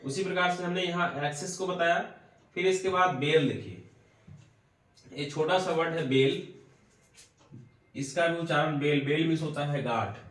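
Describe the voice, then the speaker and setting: A man explains similar-sounding English words in a room with a board, spelling each one slowly and correcting himself as he goes. His voice sounds distant from the mic, with a roomy echo around it, at an ordinary middle pitch. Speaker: English teacher. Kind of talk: spoken grammar lesson in Hindi at a board.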